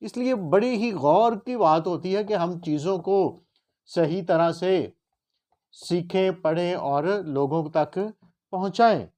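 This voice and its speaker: Man, somewhat high pitch, motivational lesson, spells out pronunciations slowly. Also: darkish tone. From Punjab. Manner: emphatic, slows to spell out word pronunciations. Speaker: teacher.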